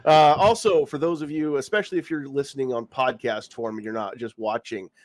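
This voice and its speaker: Talking fairly quickly in a mid-range voice, a male podcast host chats casually on a live stream with no room sound. He's still getting over a cold, sounds congested, and has a lozenge in his mouth.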